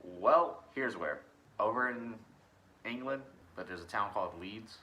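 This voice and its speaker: A man's voice: on the low side, lively intonation, a little slow, sharp tone. A young man co-hosting a casual chat, telling cryptid stories in a laid-back way and laughing often. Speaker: podcast co-host. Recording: faulty microphone audio.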